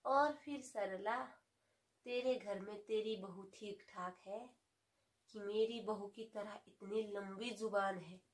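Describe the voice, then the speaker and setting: A woman's voice: mid-range voice, fairly even intonation, takes it slowly, lightly acted. An actress playing a gossipy older mother-in-law who complains about her daughter-in-law in a comic sketch. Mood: complaining. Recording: roomy echo.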